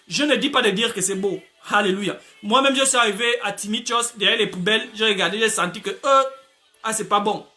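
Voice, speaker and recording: A pastor from Gabon preaches a sermon at a church in the United States, sprinkling his speech with frequent "alléluia" interjections. His voice is high-pitched, pushed and bright.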